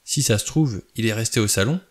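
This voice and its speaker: A man voicing a middle-aged doctor who speaks in a flat, lifeless, toneless voice. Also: on the low side, a little fast, lightly acted. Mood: uneasy. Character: middle-aged male doctor, nervous, later numb and hollow.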